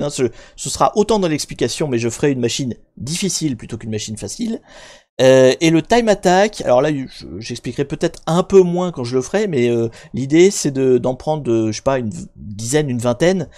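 A man hosting a live stream with a middle-pitched voice, chatting casually as he works. He rambles, fills pauses with hesitations and restarts his sentences, and jokes directly with the viewers watching. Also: mellow. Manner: jokey, talks directly to viewers.

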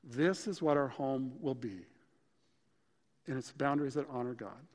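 A male pastor preaching a sermon, listing his points in a punchy, lively way. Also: mid-range voice, a little slow, in a large hall. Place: church sanctuary.

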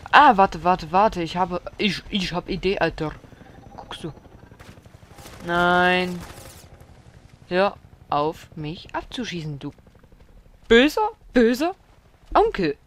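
Slow-talking woman cursing through a game. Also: lowish voice, a bit bright, slight background noise. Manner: swears and exclaims a lot, scolds the enemies aloud. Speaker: let's play gamer. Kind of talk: blind let's play commentary.

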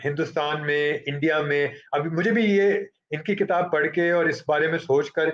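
Halting man moderating a panel. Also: fairly high pitch, fairly even intonation, dull audio. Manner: halting, frequent fillers, slips into English phrases. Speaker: moderator introducing an author. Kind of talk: book launch panel introduction.

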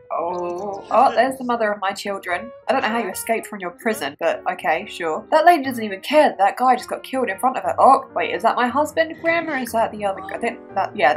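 Giggly woman narrating a game. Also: fairly high pitch. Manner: chatty, giggly, darkly joking. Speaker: gaming YouTuber. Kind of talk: Let's Play commentary.

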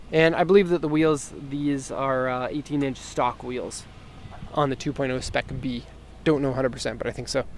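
A man with a slightly higher than usual voice strolls around a car outdoors and talks it through in a loose, unscripted way, pausing with fillers as he thinks. Faint street ambience sits behind him on a handheld camera mic. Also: a little mellow, slight background noise. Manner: easygoing, thinks aloud with fillers and restarts. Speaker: car importer reviewing an auction car. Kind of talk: casual walkaround car review. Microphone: handheld camera mic, filming himself off-camera.

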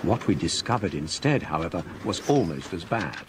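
For a radio drama, an actor portrays an older, scholarly English gentleman narrating a ghost story in a measured, formal, literary manner. His low, sing-song voice sounds grave and reflective over a noisy background.

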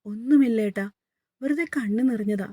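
A woman voicing a shy, timid young wife who speaks softly and pleads, in a story read aloud. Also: fairly high pitch, moderate pace, slightly rough, no room sound. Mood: pleading. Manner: pleading, soft-spoken.

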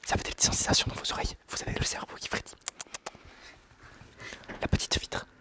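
A man whispering quickly through an ASMR tour of a computer setup. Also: noisy background. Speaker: tech ASMR creator.

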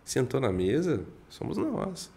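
A man's voice: mid-range voice, very animated, warm tone. A man from Minas Gerais with a mineiro accent, a real estate broker chatting unhurriedly as a podcast guest, dropping in many tag questions. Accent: Minas Gerais Brazilian Portuguese. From Minas Gerais, Brazil. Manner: speaks somewhat slowly, with frequent fillers and rhetorical tags. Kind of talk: casual podcast chat.

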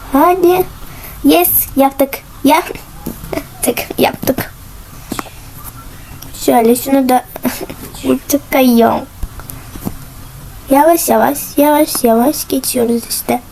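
A young woman with a high voice talks through a game at an unhurried pace, cheering herself on and giggling as she plays. Faint background noise and mouse clicks sit under her voice. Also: gravelly, dark tone, rough recording. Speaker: gaming channel host. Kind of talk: casual gameplay commentary.

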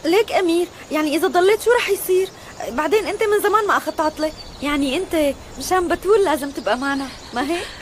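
A woman's voice: very high voice, very fast, a little hiss or hum. An actress playing a stubborn, jealous young girlfriend in a TV drama dub, with a Syrian Arabic accent. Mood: insistent. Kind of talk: dubbed TV drama dialogue. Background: loud music.

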